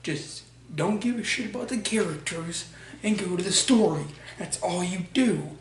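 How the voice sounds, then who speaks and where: A man's voice: high-pitched, animated, moderate pace. Blunt, profane young man ranting. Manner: blunt, profane, frequent restarts. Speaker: movie reviewer. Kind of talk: casual ranting movie review. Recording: roomy echo, voice far from mic, faint noise.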